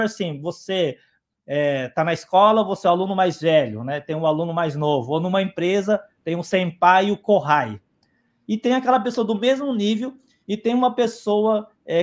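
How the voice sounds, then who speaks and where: High-voiced man explaining with frequent "né?". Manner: peppers sentences with "né?" and restarts. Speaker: guest speaker on a live stream. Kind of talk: explanatory talk.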